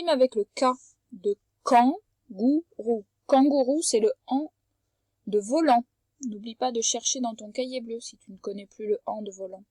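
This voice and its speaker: A woman teaching a young child to read from home, patient and careful. She draws out each word slowly so every sound comes through. Her voice sits fairly high and the sound is dry and close. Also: no echo. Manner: patient, slow and clear, stretching out words to sound them. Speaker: primary school teacher. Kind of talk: remote reading lesson for a young child.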